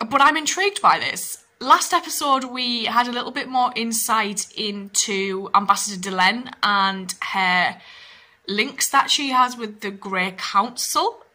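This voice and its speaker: A woman's voice: a little high, measured pace, pushed and bright. A young woman hosting a reaction video, chatting casually and thinking aloud as she watches. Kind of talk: casual commentary while watching.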